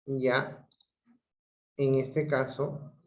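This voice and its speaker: Male teacher on a video call, unhurried and repetitive, echoey room. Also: mid-range voice, little pitch movement. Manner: slow, repeats himself, checks with "¿ok?". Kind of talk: online grammar class. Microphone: computer mic on a video call. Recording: roomy, dull lo-fi video call audio.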